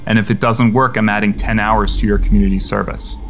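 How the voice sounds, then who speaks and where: A man's voice: on the low side, level tone, a little fast, a little hiss or hum, lightly acted. A man voicing a suspicious, curt male police officer in a tabletop game, with dry, skeptical questions. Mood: grudging.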